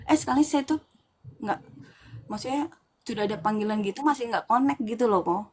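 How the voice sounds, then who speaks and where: A woman with an East Kalimantan accent, casually retelling a personal ghost story in animated detail. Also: on the high side, brisk, slight background noise. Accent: Indonesian, East Kalimantan. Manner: chatty, animated retelling with quoted dialogue.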